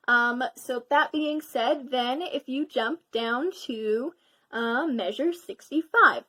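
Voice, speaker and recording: Chatty teen girl teaching violin. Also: high-pitched. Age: teens. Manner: chatty, many ums, upbeat and encouraging. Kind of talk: casual recorded lesson.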